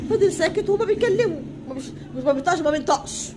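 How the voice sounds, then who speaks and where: A woman's voice: very high-pitched, lively intonation, very fast, noisy background. An Egyptian woman telling a dramatic personal story in a colloquial way, emphatic, repeating her lines and acting out the other voices.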